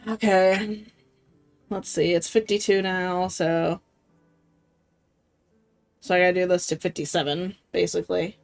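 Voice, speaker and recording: Chatty woman streamer over soft music. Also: fairly low pitch, little pitch movement, a little slow, vocal fry, pauses often. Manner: chatty, laughing, swears freely. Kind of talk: casual game-stream chat.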